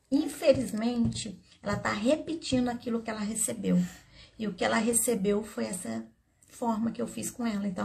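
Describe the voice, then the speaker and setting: A middle-aged Brazilian woman talks straight to her viewers in an earnest, storytelling way. Her voice sits a little high and carries a gravelly edge. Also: a little mellow, a little hiss or hum. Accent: Brazilian Portuguese. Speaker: therapist. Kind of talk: casual advice talk to camera.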